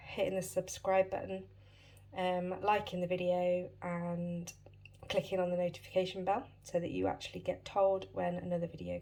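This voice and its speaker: This host of a relaxed budgeting vlog is a British woman from the United Kingdom, her fairly low voice marked by vocal fry and a darkish tone. Still recovering from a chest infection, she is a little wheezy and short of breath, chatting apologetically and filling pauses with many ums.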